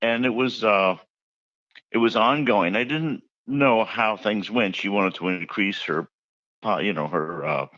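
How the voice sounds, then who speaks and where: A man with a very low voice tells his stories in a chatty, anecdotal way and acts out the quotes as he goes. The sound is dull and muffled, close and dry. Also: a little slow, fairly bright tone, dry recording. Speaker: author interviewed about his book. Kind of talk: casual interview storytelling.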